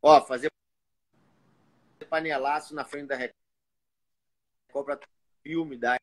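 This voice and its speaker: A man's voice: fairly high pitch, steady tone, takes it slowly. A man with a carioca accent, an actor from Rio de Janeiro, joking casually with fans on a live stream over a webcam at home. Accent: carioca Brazilian Portuguese. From Rio de Janeiro, Brazil. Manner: joking, laid-back. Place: home room, indoors. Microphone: video call on webcam.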